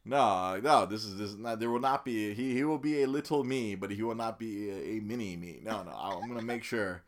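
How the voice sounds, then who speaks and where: A man's voice: on the low side, fairly quick. A man in his forties co-hosting a casual podcast, rambling through stories with lots of fillers and restarts. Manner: rambling, animated storytelling with frequent fillers and restarts. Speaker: podcast co-host. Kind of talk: casual chat.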